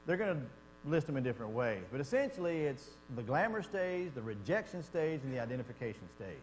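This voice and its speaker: Speaking a little fast in a mid-range voice with big swings in pitch, this man from Texas leads a Bible class in a church classroom. He's folksy and chatty, asking the class questions, while the hall echoes and a faint mains hum sits underneath.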